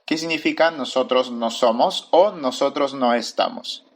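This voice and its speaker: A man teaching a recorded grammar lesson, speaking slowly and deliberately and repeating each form. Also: mid-range voice. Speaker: English teacher.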